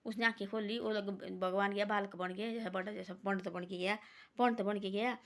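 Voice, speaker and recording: A woman's voice: mid-range voice, fairly even intonation, fairly quick, a bit bright. A woman casually telling a devotional folk story, rambling and repeating herself between quoted lines.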